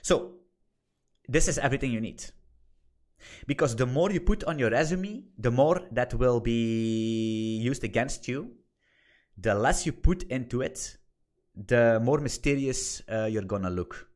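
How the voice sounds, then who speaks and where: This course instructor is a man in his thirties whose native language is Dutch, speaking a little slowly with long pauses in a mid-range, darkish voice. His informal screen-share lesson is blunt and full of swearing, and he hammers points home by repeating them.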